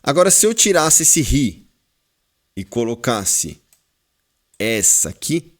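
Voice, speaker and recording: Slow, lively-voiced Brazilian male teacher. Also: medium pitch. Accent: Brazilian Portuguese. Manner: explains slowly, repeats words, quizzes the class. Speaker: Hebrew teacher. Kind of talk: classroom lesson.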